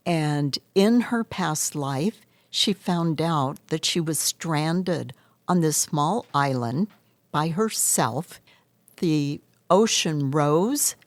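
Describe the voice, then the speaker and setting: Slow, low-voiced woman explaining her hypnosis practice. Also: dry recording. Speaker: hypnotherapist interview guest. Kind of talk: interview answers, explanatory storytelling.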